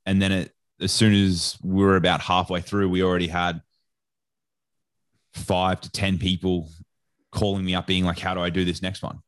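As an interview guest, a sports nutrition educator with an Australian accent spins a casual story in slangy talk full of quoted dialogue. His low voice shows little pitch movement at normal speed, with long pauses and no echo.

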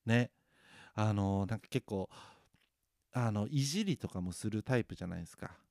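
A man's voice: on the low side, expressive, moderate pace, creaky, darkish tone, no echo, clean studio sound. A man chatting alone, self-mocking and rambling, with many fillers. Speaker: podcast host. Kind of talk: casual solo chat.

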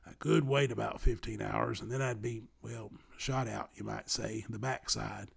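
A man's voice: lowish voice, fairly even intonation, normal speed, gravelly, slightly rough, heavily acted. A man reading a storybook and voicing a friendly, earnest, good-humored male monster in a plain storybook delivery.

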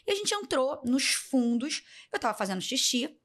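Here a young podcast guest with a high-pitched voice shares a personal story at a moderate pace. It's casual interview storytelling, and she brings the people in it to life, acting them out with animation.

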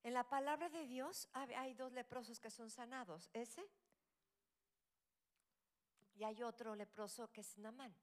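A woman's voice: on the high side, steady tone, a little slow, long pauses. Woman preaching with dramatic swings. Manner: dramatic, swings between loud exclamations and hushed whispers. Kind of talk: sermon.

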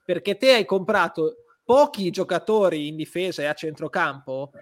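A man with a notably high-pitched voice talks football in a casual chat. He builds his case argumentatively, explaining point by point and swearing freely as he goes. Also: animated, normal speed. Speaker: football fan panelist.

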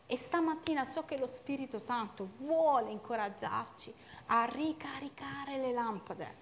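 A woman preaches a sermon in a fairly high voice, urgent and impassioned, sometimes dropping to a hush. A faint room hum sits behind her, as in a church. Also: unhurried. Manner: impassioned, swings between loud urging and quiet reflection.

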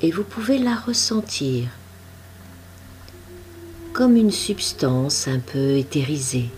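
A woman with a deep, low voice guides a meditation, speaking very slowly and softly. Her instructions come calm and unhurried, with a faint ambient hum behind her.

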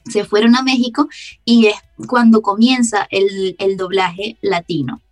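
A woman from Venezuela with a softened Caracas accent, a voice actress explaining her craft as a guest, laughing often as she talks. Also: medium pitch, fairly even intonation, unhurried, soft background music. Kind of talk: casual interview talk.

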